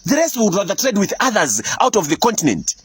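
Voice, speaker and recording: A man's voice: sits high, very animated, fast talker, fairly bright tone, slightly rough. A man with a Zimbabwean accent delivering an impassioned, preachy monologue that scolds its listeners and is broken up by bursts of laughter. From Africa. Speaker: commentator. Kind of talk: impassioned monologue addressing leaders.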